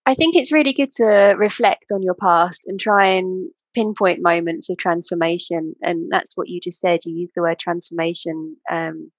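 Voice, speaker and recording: A woman's voice: on the low side, normal speed, few pauses, dry recording. Woman interviewer, dry muffled sound. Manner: encouraging, reflective. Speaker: interviewer, Reiki practitioner. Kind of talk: interview questions.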